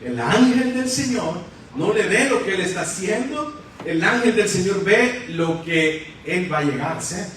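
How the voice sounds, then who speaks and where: A man's voice: sits high, lively intonation, a little slow, a bit bright, a little hiss or hum. A man preaching a fervent sermon to a congregation, constantly calling them brothers. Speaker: guest preacher. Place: church sanctuary. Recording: echoey church hall from far off.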